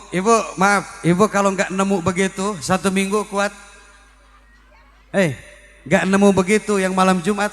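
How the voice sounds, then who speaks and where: A man's voice: high voice, fairly bright tone. Male preacher, playful crowd-teasing delivery; faint music in the background. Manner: joking, teasing the audience with questions. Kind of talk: comic religious sermon to a crowd. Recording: reverberant hall, faint music.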